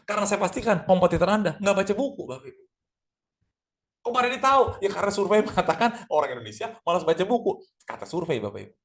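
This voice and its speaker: A middle-aged man teaching a lively online sales class, energetic and full of rhetorical questions aimed at his audience. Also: on the high side. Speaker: sales trainer.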